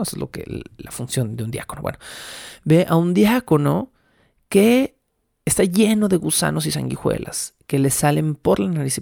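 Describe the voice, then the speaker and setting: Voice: medium pitch, gravelly, warm tone, dry recording, studio quality. A speaker giving a casual, wry, digressive lecture that retells an old text and keeps explaining asides.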